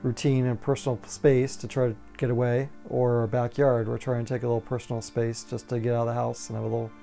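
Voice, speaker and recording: A man in his forties answering documentary interview questions, measured and thinking aloud. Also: medium pitch, level tone, creaky, mellow, soft background music. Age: 40s.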